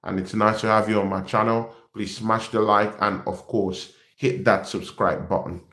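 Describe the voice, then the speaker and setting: A young man from Nigeria hosting a football channel in casual live-stream chat, animated and repetitive, calling his viewers "people". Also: fairly low pitch, moderate pace, echoey room.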